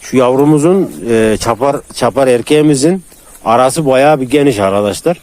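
A man talking casually to viewers about his dogs outdoors, now and then calling to them in high, loud bursts. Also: moderate pace, slight background noise. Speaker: dog breeder filming his dogs.

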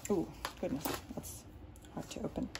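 Working on a painting in her home studio, this tutorial host, whose first language is Arabic, explains casually at a moderate pace. She rambles, restarting often and saying um a lot, while background noise is audible.

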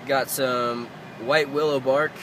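A young man talking casually to his phone camera on a road trip, relaxed and offhand while he is a bit under the weather. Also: mid-range voice, slow, background noise. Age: young adult. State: sick. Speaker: vlogger. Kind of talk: casual travel vlog. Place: car, campsite and tent. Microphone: phone held at arm's length.

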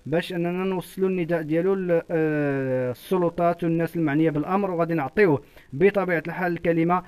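Moroccan male field reporter, rapid hesitant delivery, slightly high voice, live news report. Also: darkish tone, smooth. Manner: filler-heavy, hesitant delivery. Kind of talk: live street report and interview.

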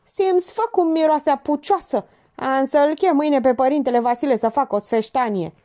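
Woman doing a shrill superstitious old mother. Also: dark tone, lightly acted. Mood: scolding. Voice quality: shrill, shrieking. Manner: bossy, scolding.

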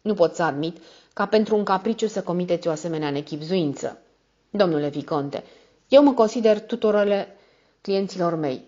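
A woman's voice: fairly low pitch, lively intonation, dark tone. Woman reading stern ironic notary guy, dry and mock-modest, dull lo-fi sound. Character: cold, ironic male notary, middle-aged, stern.

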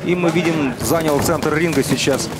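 A man's voice: fairly high pitch, moderate pace, a loud crowd. A man giving conversational live boxing commentary, chatting with a colleague.

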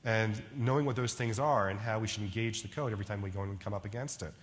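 A middle-aged man delivers a conversational conference keynote in a large ballroom, checking in often with "right?" and leaning on "like" as a filler. His voice is lowish and fast, with big-room sound and slight background noise.

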